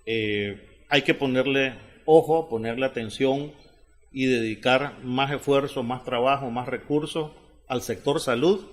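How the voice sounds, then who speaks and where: A man's voice: medium pitch, measured pace. A man hosts a discussion in a plain mid-range voice. He drives his points home and checks in with tag questions. He stumbles over doubled filler sounds between phrases. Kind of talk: analytical talk-show conversation.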